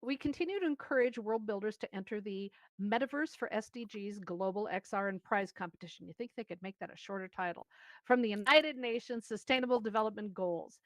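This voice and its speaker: A woman's voice: medium pitch, no room sound. A woman co-hosting a live-stream news show, chatty and enthusiastic. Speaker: co-host.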